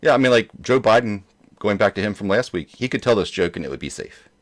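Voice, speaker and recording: A man's voice: fairly low pitch, lively intonation, fast. A man hosting a joke show in casual chat, rambling along with many hesitations. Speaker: host of a dad joke show.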